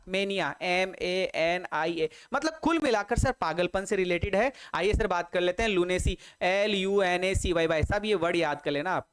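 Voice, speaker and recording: A man's voice: high voice, a bit bright, clear, resonant tone. A man teaching English vocabulary online for exam prep, repeating words and spelling them out letter by letter, with jokey memory tricks and calls to his students. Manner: repetitive, drills spellings letter by letter.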